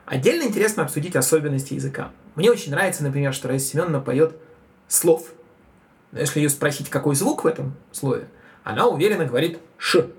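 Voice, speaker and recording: A man's voice: on the high side, creaky. A man, a folklore collector, presenting and explaining a field recording with enthusiasm.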